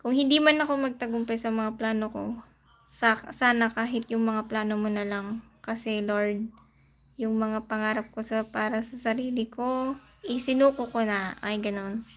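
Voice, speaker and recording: A woman's voice: on the high side, steady tone, moderate pace. A woman casually chatting on her live stream, greeting viewers by name and answering their comments with light laughs.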